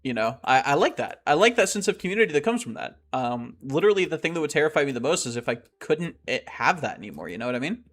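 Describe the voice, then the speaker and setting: Young male streamer, excitable and rambling, with a raised, very animated voice. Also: on the high side, fast, few pauses, soft background music. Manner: excitable and rambling, often laughing. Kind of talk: casual chat to live chat while playing.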